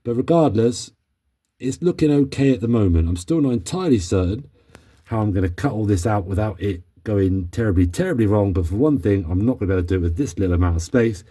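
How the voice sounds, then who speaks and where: Man, husky voice, mellow tone, casual garage vlog, chatty, thinking aloud. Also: lowish voice, quick pace. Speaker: car restoration vlogger. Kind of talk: casual workshop vlog commentary. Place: home garage, under a car.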